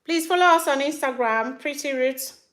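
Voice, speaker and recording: A middle-aged woman with a Nigerian accent, a hair care vlogger and mother, does her daughter's hair at home while chatting casually to viewers in tutorial style and laughing often. Her voice is high and fairly bright, at a normal speed.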